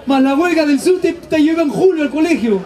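A man telling stand-up stories on stage, animated, slangy and crude. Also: extremely high pitch, fast, a faint crowd, a little hiss or hum. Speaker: stand-up comedian. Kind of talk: stand-up storytelling. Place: live stage show.

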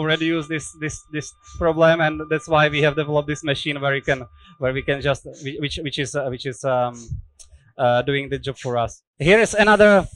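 Speaking English as a native Czech, a man in his thirties guides visitors around an indoor guitar workshop, describing the guitar-making process over a headset mic with frequent fillers and false starts. The recording is rough and dry, and his pitch sits on the high side.

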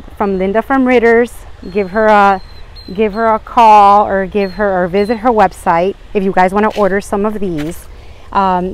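A woman's voice: mid-range voice, rough recording. A woman vlogger chatting casually and a little ramblingly as she shows plants, recorded outdoors on a handheld phone. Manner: chatty, rambling, apologetic asides. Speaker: vlog host. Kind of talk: casual chat while showing garden plants. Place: outdoors in a home garden and patio. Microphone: handheld phone behind the camera.

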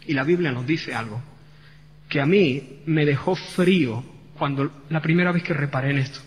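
A man's voice: fairly high pitch, moderate pace. A man pastor from Spain with a Spain Spanish accent, preaching a passionate, dramatic sermon in a church. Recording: church hall reverb with faint hum.

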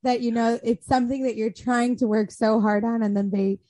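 A woman host with a fairly high voice talks with her guest in an earnest, casual way. Her voice sounds close and dry. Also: fairly even intonation, brisk, dark tone, dry recording. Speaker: podcast host. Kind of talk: casual interview chat.

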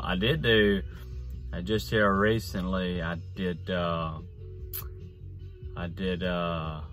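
A man talks off the cuff in a car, halting and rambling in a folksy, casual vlog way. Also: low-pitched, a bit bright. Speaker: fitness vlogger. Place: inside a parked car.

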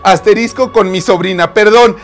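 Man, high voice, animated, laughing, gasping, faint background music. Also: moderate pace. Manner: laughing, gasping, mock-outraged reactions, acts out quoted messages. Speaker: host reading chat screenshots. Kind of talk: animated casual storytelling.

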